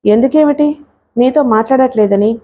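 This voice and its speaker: A woman's voice: fairly high pitch, normal speed, dark tone, close to an everyday voice. A woman reading a teasing teenage schoolgirl. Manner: playful, teasing. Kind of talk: audiobook character reading.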